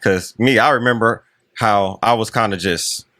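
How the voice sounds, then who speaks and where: A man's voice: on the low side, sharp tone, no echo, studio quality. A man, a musician guest on a podcast, telling reflective stories in casual chat. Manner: reflective, drawn-out storytelling.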